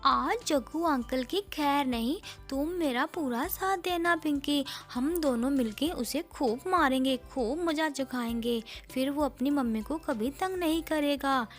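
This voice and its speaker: A woman's voice: sits high, unhurried, hardly any pauses, soft background music, voice pushed up. A woman voicing a protective young sparrow boy who stands up for his mother. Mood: determined. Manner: fierce, commanding.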